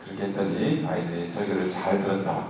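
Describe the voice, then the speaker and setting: A man's voice: sits low, little pitch movement, fast talker. A middle-aged man, a seminary professor, giving a conversational church lecture on scripture with many fillers and asking the audience to repeat words after him. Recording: echoey hall, voice from far off, clear room noise.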